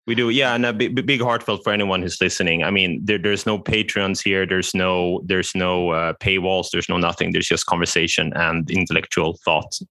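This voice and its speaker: A man's voice: low-pitched, fairly even intonation, moderate pace, hardly any pauses, sharp tone, dry recording. A man from Sweden co-hosting a casual podcast, wry and joking, often stumbling and restarting his sentences. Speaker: podcast co-host.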